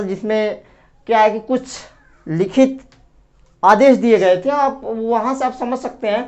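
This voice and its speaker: A woman with a fairly high voice leads an exam-prep class, going through questions point by point. She repeats key facts again and again and calls her viewers friends. The recording sounds muffled and lo-fi. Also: a little mellow. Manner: repetitive, drills points, often addresses viewers as friends. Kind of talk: online lecture explaining quiz questions. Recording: dull lo-fi recording.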